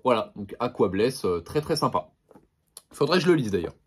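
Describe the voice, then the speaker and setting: A man at a middle pitch, chatting enthusiastically in a casual vlog as he shows off his collection. He hesitates often and restarts his sentences. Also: sing-song, normal speed, slightly rough. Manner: enthusiastic, many fillers and restarts. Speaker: manga collection reviewer. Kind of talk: casual product showcase vlog.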